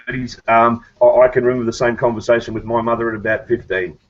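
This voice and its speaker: A man's voice: medium pitch, little pitch movement, fast. A man of fifty who interviews a guest in a casual chat and asks long, wandering questions. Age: 50s. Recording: dull lo-fi interview audio.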